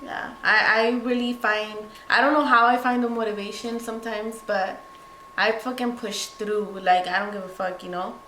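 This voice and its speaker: In an echoey room with a little background noise, this young YouTuber answers questions in a relaxed, tipsy ramble, speaking bluntly and cursing freely. She talks at normal speed in a medium, steady, slightly bright voice.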